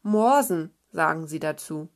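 A woman's voice: deep voice, animated, a little slow. A woman voicing an earnest female seal who explains things carefully.

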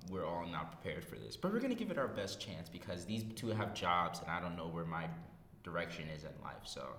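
Speaking fairly quickly in a low, sing-song voice with a slightly bright edge, this nineteen-year-old podcast host keeps things casual, self-mocking and jokey. He's recorded on a podcast mic in a study room full of echo, reverb and background noise.

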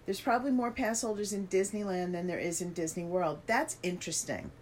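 A woman's voice: fairly low pitch, a little fast, darkish tone. A woman reads a news article aloud for a chatty podcast and stops often to add her own asides. She has the hiccups. A faint hiss of background noise sits under her voice. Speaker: podcast co-host reading news. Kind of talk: casual chat reading articles aloud.

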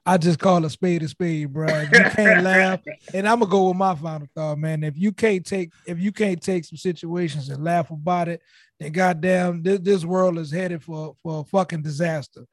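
A man's voice: fairly high pitch, steady tone, normal speed, a bit bright, no echo, studio quality. A man in casual group chat, telling stories animatedly and laughing often.

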